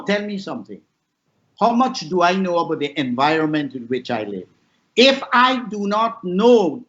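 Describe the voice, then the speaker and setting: A man's voice: fairly bright tone, highs cut off. A Guyanese man in his sixties, a professor speaking on a panel discussion, making his points emphatically with repeated lists. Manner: emphatic, repetitive lists, rising and falling pitch.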